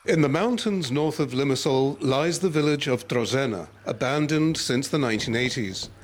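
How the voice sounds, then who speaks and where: A male correspondent narrates a scripted news report in clear, even voice-over. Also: mid-range voice, moderate pace.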